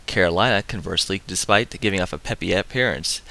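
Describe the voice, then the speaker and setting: A man hosting a comic book review, summarizing the story with excitable, casual asides. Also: deep voice, fast talker, gravelly. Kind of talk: enthusiastic comic review narration.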